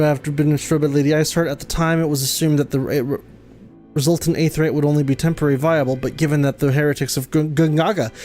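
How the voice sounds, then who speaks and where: A man's voice: a little high, a little mellow. A man streaming a game, reading its dialogue aloud, tripping over fantasy names and laughing often.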